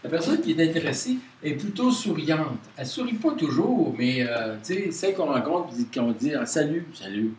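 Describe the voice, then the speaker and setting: A man with a Quebec French accent leads an informal workshop, talking to a small group in a halting way full of hesitations and restarts. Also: on the high side, very animated, darkish tone. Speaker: workshop leader. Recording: roomy, distant mic with faint noise.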